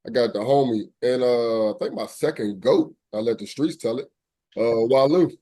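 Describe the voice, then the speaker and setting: A man's voice: mid-range voice, normal speed, warm tone. A man hosting a podcast interview in a laid-back, slangy way, often answering with "okay, okay". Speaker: podcast host. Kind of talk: casual interview.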